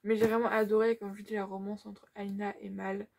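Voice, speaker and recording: A woman's voice: medium pitch, level tone, brisk, gravelly, a little mellow. A young woman giving a casual, chatty book-vlog update, gushing with lots of fillers. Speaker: book vlogger.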